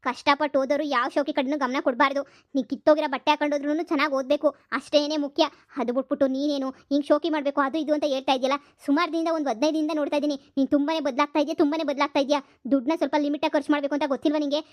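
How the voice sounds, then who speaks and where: A woman voicing a stern, hard-up young husband who works as a delivery man, scolding fast in a cartoon comedy. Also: sits high, flat delivery, no echo, natural voice. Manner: scolding, lecturing, fast and insistent.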